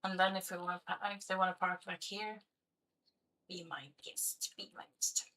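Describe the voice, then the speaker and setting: A woman's voice: fairly low pitch, little pitch movement, normal speed, sharp tone. A young woman live-streaming a city-building game, chatting to her viewers as she builds, with a voice that keeps cracking. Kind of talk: casual live-stream chat while playing.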